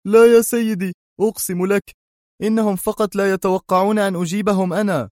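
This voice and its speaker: A terrified captive, as a male narrator puts him on, pleading and yielding. His voice climbs far above the reader's normal pitch, close and dry. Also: moderate pace, darkish tone, no room sound, natural voice. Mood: fearful. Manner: fearful, pleading. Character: frightened captured male agent, submissive.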